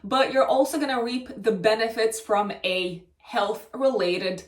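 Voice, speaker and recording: A Romanian-accented astrologer gives a horoscope reading in a slightly high voice at a measured pace. She is thoughtful and hedging, with many fillers and restarts. The mic sits at a distance in an echoey room.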